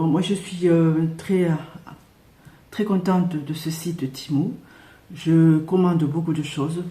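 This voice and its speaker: Lady unboxing stuff, lots of umms, a bit loud, echoey room. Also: sits low, a little hiss or hum. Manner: hesitant, many filler pauses; speaks a little loud on purpose. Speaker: unboxing vlogger. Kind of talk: casual product unboxing.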